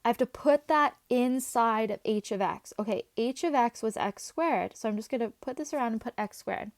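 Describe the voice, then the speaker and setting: A woman teaching a math class, chatty and talking her students through each step as she writes, her voice a little hoarse. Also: fairly high pitch, normal speed, no echo, studio quality. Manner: chatty, talks while writing, asides to students. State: voice going, slightly hoarse.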